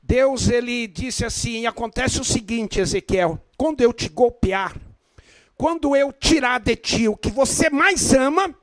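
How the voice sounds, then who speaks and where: A man with a Brazilian Portuguese accent preaching an evangelical sermon. He swings between fervent shouts and hushed low tones, drawing out the words he stresses. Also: measured pace, dry recording.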